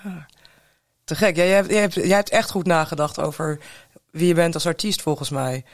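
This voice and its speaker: Hoge, krakerige podcasthost. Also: male voice, a little high, steady tone, moderate pace, no room sound, clean studio sound. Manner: upbeat, laughs easily. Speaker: podcast host. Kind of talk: podcast interview. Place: studio at a table.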